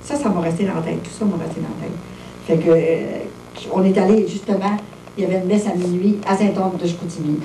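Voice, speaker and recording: A Québécois woman in her fifties gives a plain-spoken personal testimony full of little fillers, addressing visitors in a monastery room. Her voice is fairly low, steady and mellow, a little fast, with slight hiss or hum. The recording has a roomy echo, a distant mic and faint ambience.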